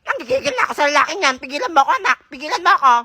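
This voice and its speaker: A loud, hot-tempered mother, played by a woman, bossy and blustering as she complains. Her voice is bright and lively, lower than her other characters but still high. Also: racing, no room sound, clean studio sound, full character voice. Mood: irritated.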